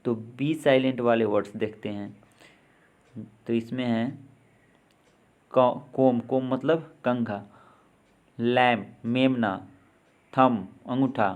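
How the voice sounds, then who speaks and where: Slow Indian man teaching English. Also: mid-range voice, steady tone, a little mellow. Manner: spells words letter by letter, then gives the meaning. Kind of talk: slow spoken lesson.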